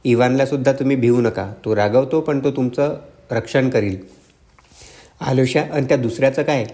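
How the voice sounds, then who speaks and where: Audiobook old dad, nervy and begging, sly, man doing it mid pitch. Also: moderate pace, dark tone, natural voice. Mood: anxious pleading. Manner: pleading, repetitive. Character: old father, fearful, wheedling, sly.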